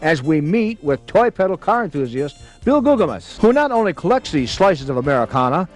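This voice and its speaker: A man hosts a travel magazine program, alternating read narration with easy conversation. His voice sits on the high side and moves a lot in pitch. He keeps the talk going with quick, agreeable affirmations. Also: sing-song, faint music behind, poor audio. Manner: friendly, agreeable interviewer with frequent affirmations. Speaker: TV magazine host. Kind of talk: scripted narration and casual interviews.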